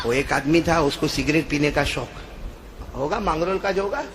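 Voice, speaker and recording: A man preaching to a live gathering. He jokes, quizzes the crowd, and swings between soft asides and shouts. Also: fairly high pitch, in a large hall, slight background noise. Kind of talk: lively storytelling sermon. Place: live religious gathering with a stage.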